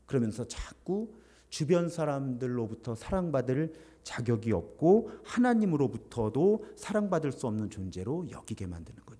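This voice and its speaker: Lively, mellow-voiced male pastor preaching. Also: fairly high pitch, slightly rough. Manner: animated, emphatic preaching with acted quotes. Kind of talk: sermon.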